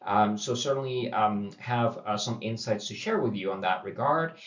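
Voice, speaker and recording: A man's voice: lowish voice, normal speed. A middle-aged man from Puerto Rico introducing a university course, talking casually with many fillers and restarts. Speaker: university instructor. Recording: dull roomy audio from a distance.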